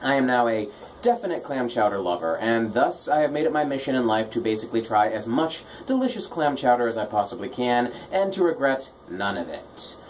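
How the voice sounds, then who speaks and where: Playful male radio DJ, animated delivery. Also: mid-range voice, fairly quick, a little hiss or hum. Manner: playful, tongue-in-cheek, self-deprecating. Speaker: radio host, DJ. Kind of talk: casual comic radio patter.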